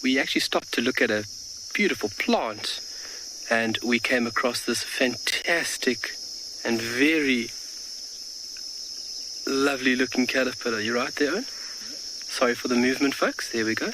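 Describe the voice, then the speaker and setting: A man speaks as a wildlife show host out in the open, with clear insect and background noise around him. He addresses his viewers directly, marvelling as he guides them through a live safari in a mid-pitched voice. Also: moderate pace, pauses often. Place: outdoors in the bush. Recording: outdoor noise with chirping insects.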